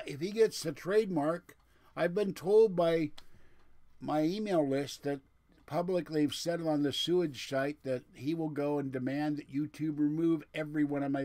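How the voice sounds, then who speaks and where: A man with a lisp hosts a livestream, chatting casually and rambling to viewers in a digressive, grumbling way. His voice is a little high with a dark tone, and there is no echo.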